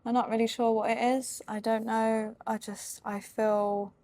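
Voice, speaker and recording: A tired woman, rambling casually in a vlog with lots of fillers and soft laughs. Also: fairly high pitch, level tone, a little slow. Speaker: vlogger and fitness competitor in contest prep. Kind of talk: casual vlog talk to camera.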